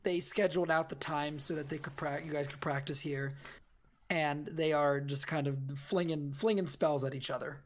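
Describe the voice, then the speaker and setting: A man's voice: fairly high pitch, fairly even intonation, moderate pace, a little hiss or hum. A man narrating a tabletop game as game master, describing scenes in a loose, rambling way with lots of fillers.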